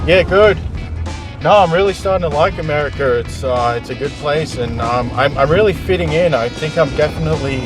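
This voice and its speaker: Bumbling Australian rookie tanker played by a man, slightly high voice, comedy sketch, loud music behind. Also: a little fast, natural voice. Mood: upbeat, hesitant. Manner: sweary, slangy. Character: newly arrived, bumbling young Australian tank crewman. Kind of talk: scripted comedy sketch acting.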